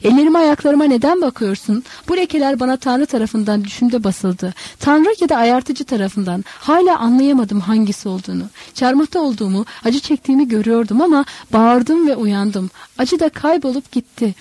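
A woman voicing an enraged grown man who shouts in a raised, forceful voice, read in a storybook reading. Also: on the high side, expressive, normal speed, few pauses, no echo. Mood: furious. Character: furious grown man, a carpenter denying he is divine.

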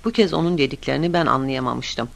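A man reading a story aloud in the first person, in a steady, plain storytelling manner. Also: medium pitch, fast, vocal fry. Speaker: audiobook narrator. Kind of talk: scripted story narration.

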